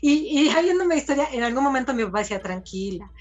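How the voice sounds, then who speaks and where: A woman's voice: high-pitched, rapid-fire. A woman, talking as a podcast guest and acting out the voices of people she quotes. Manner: expressive, acts out quoted voices. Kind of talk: podcast conversation.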